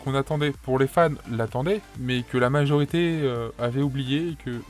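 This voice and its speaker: A man's voice: medium pitch, moderate pace, faint music behind. A man with a French accent giving casual anime news commentary, rambling with lots of fillers and restarts.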